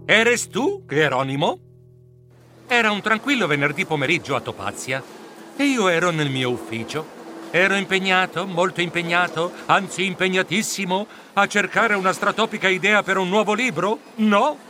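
A man narrating a children's storybook in the first person as a fussy, flustered mouse editor, in an animated, comically flustered manner. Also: high-pitched, moderate pace, soft background music. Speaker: audiobook narrator.

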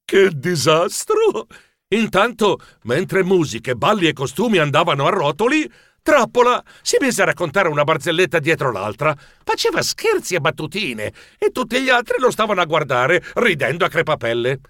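An actor playing an anxious, fussy male mouse telling his own story in an audiobook, expressive and easily flustered. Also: fairly high pitch, moderate pace, dry recording, studio quality. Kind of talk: audiobook narration.

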